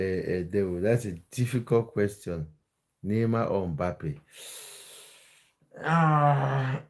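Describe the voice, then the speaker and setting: On a casual football livestream, a man from Cameroon talks with his viewers, often starting his words over. He has a fairly low, slightly mellow voice.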